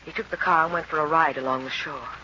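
A muffled old radio drama with clear background noise, in which a married woman. She sounds composed and discreet, protective in the way she speaks. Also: sits low, steady tone, fast, pushed and bright. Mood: guarded, composed. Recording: dull, noisy old radio recording.

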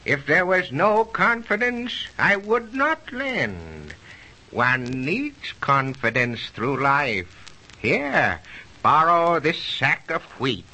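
A man's voice: a little high, very animated, slow, pushed and bright, heavily acted, low-quality recording. A man playing a generous, solemn farmer in an old radio drama, giving benevolent blessings theatrically.

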